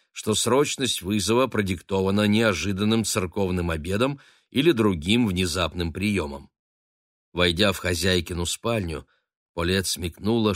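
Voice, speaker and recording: Expressive male audiobook narrator, low and lively, dry studio sound. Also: no room sound. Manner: expressive storytelling. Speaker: audiobook reader. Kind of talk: scripted narration.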